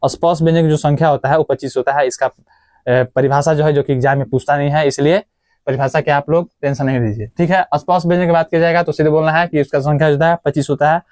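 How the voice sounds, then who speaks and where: A man's voice: on the high side, fairly even intonation, fast talker, darkish tone, no echo, studio quality. A young man teaching an exam-prep grammar lesson in a casual way, asking questions and answering them himself and repeating the key points. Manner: casual, addresses viewers as friends and brother.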